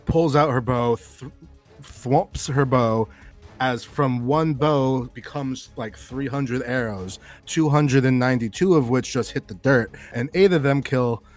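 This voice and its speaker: A man acting as game master, narrating scenes in a loose, rambling way and laughing often, with soft music in the background. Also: medium pitch, a little slow. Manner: giggly, loose, rambling descriptions.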